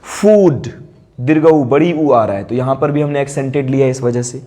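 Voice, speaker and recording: A man with an Indian accent giving an exam-prep English lesson, walking through phonemic transcription and repeating each example word slowly. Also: medium pitch, warm tone. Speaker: English teacher.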